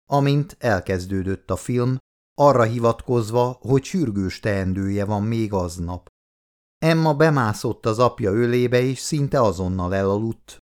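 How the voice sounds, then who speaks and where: A man narrating an audiobook in a calm, measured reading voice. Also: lowish voice. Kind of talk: scripted narration.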